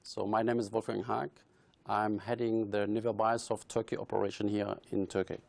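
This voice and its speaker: A man from Germany who heads a company, introducing himself in a relaxed, conversational way. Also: lowish voice, moderate pace, vocal fry, no echo. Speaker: company head.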